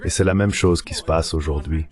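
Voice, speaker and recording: Speaking briskly in an extremely low, darkish voice with a steady tone, a professor from Nigeria answers an interview as a guest. The dubbed translation carries his long, lecturing explanations, which he builds up through examples.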